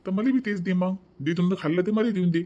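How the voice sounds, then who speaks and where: A man voicing a cheeky, fast-talking lazy son. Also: high voice, highs cut off, natural voice. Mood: cheeky back-talk. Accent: Vidarbha Marathi. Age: 30s. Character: lazy, cheeky thirty-year-old son, back-talking. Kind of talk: cartoon voice acting.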